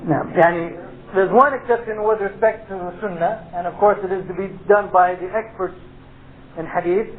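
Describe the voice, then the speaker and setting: A man's voice: high voice, fairly even intonation. A man teaching an informal Islamic studies class, explaining step by step and dropping in Arabic terms. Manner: explanatory, pausing for checks like "okay", peppered with Arabic terms. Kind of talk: informal lecture with question and answer. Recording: tinny phone-like lecture tape, faint noise.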